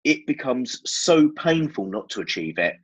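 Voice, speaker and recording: A man's voice: medium pitch, very animated, a little slow, husky, lo-fi sound. A man with an Essex accent giving candid, explanatory answers as a guest in a conversational interview. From Essex, England. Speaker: podcast guest, business owner.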